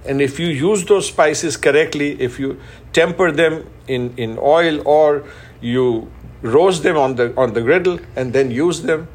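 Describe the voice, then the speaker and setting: Being interviewed as a guest, this middle-aged man from Pakistan and India, a chef who owns a restaurant, speaks a little slowly in a slightly high voice. He is enthusiastic and tends to repeat words when listing things.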